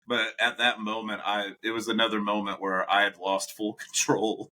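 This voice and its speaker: A young man co-hosting a podcast, telling animated stories in casual chat, laughing often and acting out what people said. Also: fairly low pitch, normal speed, slight background noise. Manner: animated storyteller, laughs often, acts out quotes. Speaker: podcast co-host.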